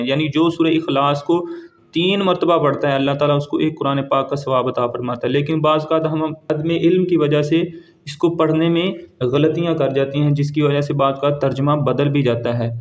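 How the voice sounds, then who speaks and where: Man slowly teaching Quran recitation. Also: a little high. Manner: explains rules, then recites words slowly and drawn out with repetition. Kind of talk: step-by-step recitation lesson.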